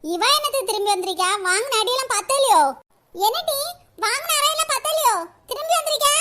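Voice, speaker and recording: Cartoon: woman plays sharp-tongued Kanyakumari Tamil village mother, high, bright, scolding. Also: fast talker, a little hiss or hum. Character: fierce scolding middle-aged village mother. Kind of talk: cartoon voice acting.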